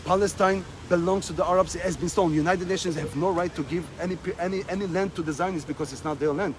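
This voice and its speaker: A man's voice: sits high, steady tone, fast talker. A man being interviewed outdoors on a rainy street, speaking emphatically and repeating himself as he presses his points. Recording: street noise and passing cars.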